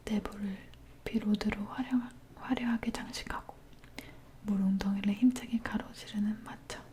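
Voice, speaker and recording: A woman leaning in close to the ear microphone, reading a dark story aloud in a breathy, hushed ASMR whisper. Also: mid-range voice, steady tone, normal speed.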